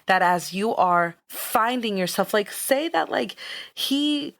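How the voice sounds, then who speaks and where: A woman co-hosting a podcast in casual, animated chat, spinning theories and laughing often. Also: medium pitch, slow pace, creaky. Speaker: podcast co-host.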